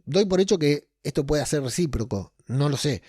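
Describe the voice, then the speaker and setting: A man's voice: a little high, animated, normal speed, mellow, husky, no echo, clean studio sound. A man with an Argentine accent, rambling casually as a podcast host with many fillers and restarts. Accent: Argentine Spanish. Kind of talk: casual personal monologue.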